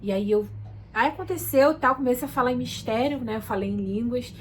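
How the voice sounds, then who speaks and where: A woman's voice: a little high, a little fast, slight background noise, low-quality recording. A woman giving an emotional personal testimony to her viewers in a casual, repetitive way, calling out to them often. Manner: self-described shy and soft-spoken. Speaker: vlogger giving a religious testimony.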